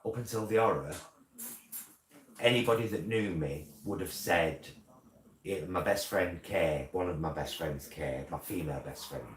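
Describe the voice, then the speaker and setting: Deep-voiced, campy British drag queen man. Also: normal speed. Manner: campy drag queen, theatrical exclamations and terms of endearment. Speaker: live stream host. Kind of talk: casual live chat. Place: indoor room, live make-up stream. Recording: roomy echo, clear background noise.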